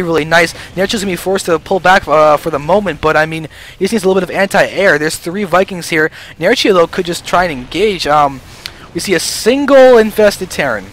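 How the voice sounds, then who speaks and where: A man casting a strategy video game match alone, a mostly flat play-by-play with frequent fillers and sudden jumps in excitement. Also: high voice. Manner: self-described monotone even when excited; frequent fillers and restarts, swings between flat and hyped. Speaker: esports caster. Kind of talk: solo play-by-play game commentary.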